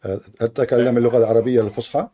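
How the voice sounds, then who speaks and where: A man's voice: mid-range voice, fairly even intonation, very fast, dark tone. A man hosting a live debate stream, talking bluntly and switching between English and formal Arabic.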